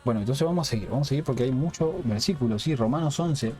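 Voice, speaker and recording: A man's voice: medium pitch, fast talker, a little mellow, faint music behind. A man giving an unscripted Bible teaching for a Hebrew-roots ministry, checking in with a questioning "yes?" after nearly every phrase and often restarting words.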